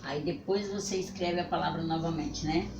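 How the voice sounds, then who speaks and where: A woman teaching young children, drawing out words syllable by syllable and checking in with short questions. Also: low-pitched. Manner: drawn-out syllable-by-syllable pronunciation, frequent "certo?" and "né?" check-ins. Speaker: primary school teacher. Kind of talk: slow, deliberate spelling lesson for children. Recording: echoey room with background noise.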